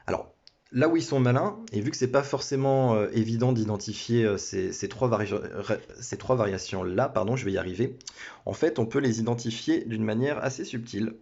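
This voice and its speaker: A man's voice: mid-range voice, brisk, gravelly, a little mellow. A man hosting a sports card break, chatting casually and hesitantly with many restarts and small apologies. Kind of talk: casual card-opening commentary. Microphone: phone. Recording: dull lo-fi phone audio.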